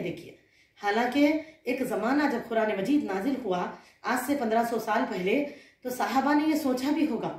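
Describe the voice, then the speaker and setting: A woman's voice: a little high, a little mellow. A woman religious scholar giving an earnest sermon to women, often putting questions to her listeners. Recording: roomy echo.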